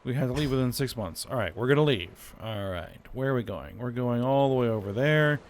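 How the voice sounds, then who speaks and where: A man's voice: medium pitch, expressive, fairly quick, slight background noise. A man giving casual commentary while playing a strategy game, thinking aloud and often saying "all right". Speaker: strategy game let's-player.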